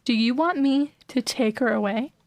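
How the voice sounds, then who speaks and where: Young woman, podcast co-host, playful and giggly, slightly high voice, dry sound. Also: normal speed, no room sound. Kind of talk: casual podcast chat. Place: home bedroom.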